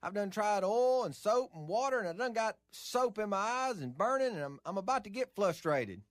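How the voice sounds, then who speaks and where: Sidekick, whiny and high, lively voice, dry mic. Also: male voice, normal speed, no echo. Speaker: sidekick in comic ad skits. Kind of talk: comic ad skit acting.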